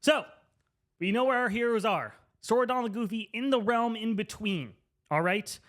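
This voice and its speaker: Drunk, high-voiced man rambling through a story. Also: moderate pace, fairly bright tone. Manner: drunk, loose, slangy storytelling; emphatic, repeats names and phrases for effect. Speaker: presenter. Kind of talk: comedic rambling story explanation to camera.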